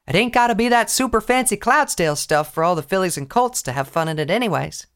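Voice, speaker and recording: A cheery, folksy farm pony mare, voiced by a man in a storybook reading. She talks plain and homespun, pitched above his own voice and strongly lilting. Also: expressive, quick pace, a bit bright, smooth.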